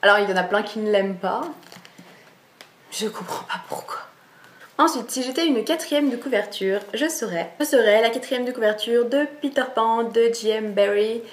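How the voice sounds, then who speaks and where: A woman's voice: a little high, brisk, hardly any pauses. A young woman chatting casually to camera as a book vlogger, enthusiastic and full of fillers and restarts. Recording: echoey room.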